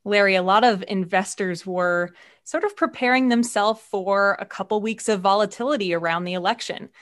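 A woman's voice: mid-range voice, moderate pace, fairly bright tone. A woman speaking as a podcast host in a prepared, orderly interviewing style. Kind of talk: scripted interview hosting.

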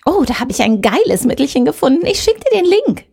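A woman voicing a loud, boastful young office colleague who shrieks and gushes about her weekend. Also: high voice, big pitch swings, measured pace, creaky, husky, no echo, clean studio sound, voice pushed up, exaggerated voice. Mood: mocking.

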